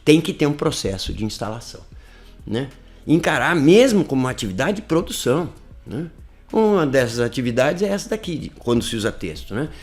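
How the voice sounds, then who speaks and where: A man's voice: a little fast, faint music behind. A man, tutoring an English course in a live online lesson, talking conversationally with frequent "né?" tags. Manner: lively, conversational, frequent "né?" tags, animated swings in pitch.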